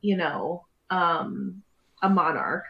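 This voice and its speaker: A talkative woman co-hosting a casual podcast, explaining things in long runs full of "like". Her voice sits a little low. The recording is roomy and a bit muffled, with a faint hiss behind her. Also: slow, gravelly. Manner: talkative, explains with many fillers. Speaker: podcast co-host, therapist. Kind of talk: casual chat. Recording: roomy, dull, slight hiss.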